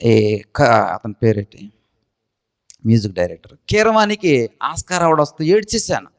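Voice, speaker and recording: A man preaching a sermon from India with a Telugu accent, swinging between excited high retelling and quiet low asides. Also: moderate pace, no room sound. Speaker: pastor.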